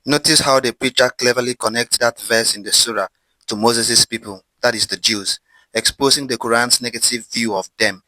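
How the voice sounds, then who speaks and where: A man with a bright, forceful mid-pitched voice reads scripted commentary. The voice-over is close and very dry. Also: fairly even intonation, moderate pace, no echo, poor audio. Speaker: video commentator.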